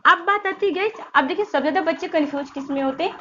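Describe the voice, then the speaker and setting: A high-pitched woman teaches Hindi grammar. She asks questions over and over and stretches the vowel sounds to demonstrate them. The recording is slightly dull and lo-fi, with a faint hiss behind her. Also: fast talker, bright, forceful tone. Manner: repetitive call-and-response questioning. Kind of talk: exam-prep grammar lesson.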